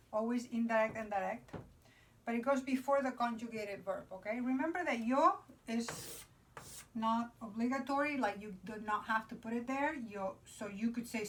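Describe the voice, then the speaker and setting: A woman's voice: on the high side, slight background noise. Patient woman teaching at a board. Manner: patient explaining, checks in with "okay?" after each point. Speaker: Spanish teacher. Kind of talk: online grammar lesson at a board. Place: indoors beside a whiteboard.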